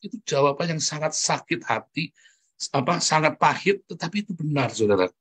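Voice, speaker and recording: A man's voice: fairly high pitch, animated, fairly quick, a bit bright, husky. A male pastor preaching a sermon in an emphatic, candid way, often turning to address his listeners directly. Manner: candid, conversational preaching with personal stories.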